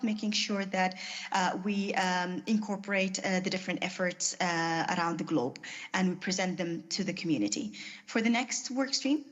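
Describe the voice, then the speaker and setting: A woman giving a conference panel presentation, speaking haltingly with many fillers. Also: mid-range voice. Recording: dull lo-fi audio.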